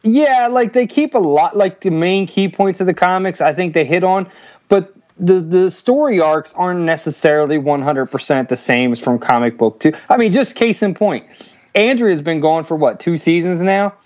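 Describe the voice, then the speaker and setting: A man's voice: high voice, normal speed, darkish tone, no room sound. A man calling in as a guest to a podcast, chatting eagerly and rambling with many restarts. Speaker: guest caller. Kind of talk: casual podcast chat. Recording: dull, dry call-in audio.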